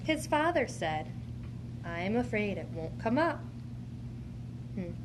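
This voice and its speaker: Very animated yet taking it slowly, this woman teacher uses a medium-pitched voice to model an interactive read-aloud. Her manner toward the child is encouraging and full of questions, against clear background noise.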